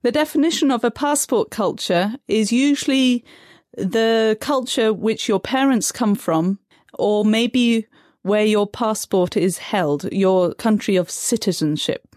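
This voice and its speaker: Calm woman explaining, dry sound. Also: mid-range voice, measured pace, dry recording. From Tanzania. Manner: calm, methodical, defines terms step by step. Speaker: guest expert on third culture kids. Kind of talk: measured explanatory interview answers.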